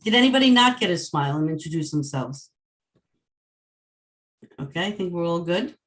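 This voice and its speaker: A woman's voice: on the low side, lively intonation, normal speed, noisy background. A woman from Long Island, New York, hosting an online meetup over a video call and playfully walking the group through an icebreaker. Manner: playful, explains the game step by step. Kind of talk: casual group facilitation.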